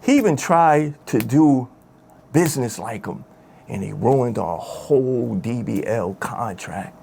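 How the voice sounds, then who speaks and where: A man's voice: mid-range voice, lively intonation, slow pace, gravelly, darkish tone, breathy edge. A man telling his story in an interview, emotional and candid, full of street slang and asides like "my dude". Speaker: former rap group member telling his story.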